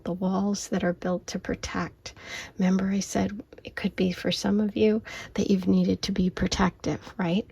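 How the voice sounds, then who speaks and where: A woman reads cards in a soft, mostly unvoiced whisper so she won't wake anyone at home. Her voice is husky and gravelly, and she sounds intuitive and reassuring as she checks in with "okay" and "right". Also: mid-range voice, no room sound. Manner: whispering softly, often unvoiced. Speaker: tarot and oracle card reader. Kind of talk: casual spiritual card reading. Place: home at night, lamp light.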